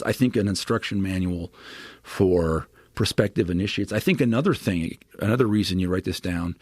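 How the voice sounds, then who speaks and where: As a podcast guest and scripture scholar, a man with a lowish, gravelly, creaky voice walks through his ideas in an explanatory conversation. He lectures with eager energy and many asides, constantly dropping quick "right?" tags. The sound is close and dry, with no room around it.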